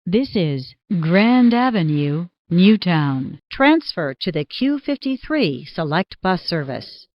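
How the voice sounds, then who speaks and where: Spliced-together announcer woman, slow and dull. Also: fairly low pitch, no echo. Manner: measured, even and formal. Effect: spliced-together recorded words. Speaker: transit announcer. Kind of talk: automated station announcements. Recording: dull lo-fi recording.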